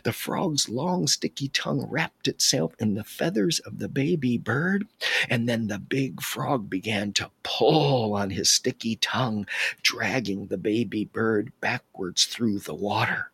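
A man telling an animal tale aloud, expressive and slipping into whispers for suspense. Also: mid-range voice, unhurried, dry recording. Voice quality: husky. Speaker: storyteller. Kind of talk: animated oral storytelling.

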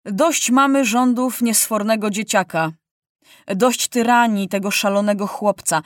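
A woman's voice: medium pitch, a little slow, no echo, studio quality, voice pushed up, lightly acted. A woman reading aloud, voicing wealthy townsmen in council who complain indignantly about a reckless boy ruler.

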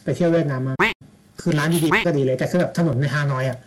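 A man's voice: on the high side, fast talker, rough recording. A man in casual chat, blunt and slangy, with mocking asides.

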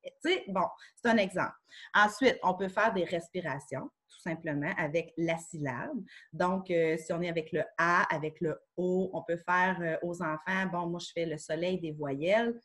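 A woman's voice: on the low side, moderate pace, a bit bright. A woman with a Québécois accent, a children's yoga educator in schools, explaining her methods step by step in a casual podcast conversation into a studio microphone. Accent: Québécois French.

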